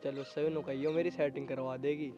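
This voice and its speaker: A man plays an easygoing young village friend, teasing and unbothered. He speaks in a flat monotone, and the sound is dull and lo-fi. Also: mid-range voice, fast, soft background music, pitched below the performer's own voice, natural voice.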